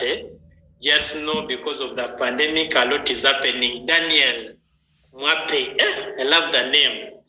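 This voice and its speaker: A man with a mid-range, sharp-toned voice hosts an online health training session, chatting and greeting viewers by name. The room is echoey, with faint noise.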